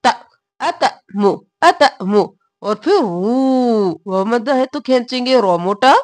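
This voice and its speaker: Woman teaching slow chanted Quran recitation. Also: a little high, animated, no room sound. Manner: slow drawn-out chanted recitation between quick spoken explanations. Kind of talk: Quran tajweed lesson, recitation and explanation.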